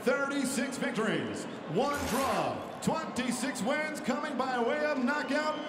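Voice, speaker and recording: Showy, high-pitched male boxing ring announcer. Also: lively intonation, measured pace, background noise. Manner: booming, showy delivery like a lucha libre announcer. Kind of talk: theatrical bilingual ring announcing with drawn-out name calls. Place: boxing ring in a large indoor arena. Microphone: handheld microphone over arena PA. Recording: echoey PA in loud, crowded arena.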